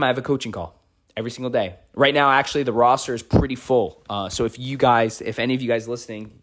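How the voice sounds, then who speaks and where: An American-accented man in his thirties, acting as a life coach, improvises a motivational podcast monologue and repeats phrases for emphasis. His voice is mid-range.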